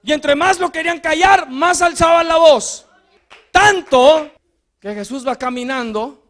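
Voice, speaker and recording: A man preaching a sermon with passion, firing repeated questions at the congregation and swinging between shouts and hushed asides. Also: very high-pitched, measured pace.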